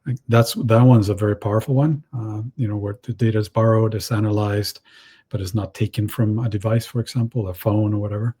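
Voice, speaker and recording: Halting man with a husky, mellow voice. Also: fairly low pitch, steady tone. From Chile. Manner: halting, many restarts and fillers. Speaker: panel guest. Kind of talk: panel discussion.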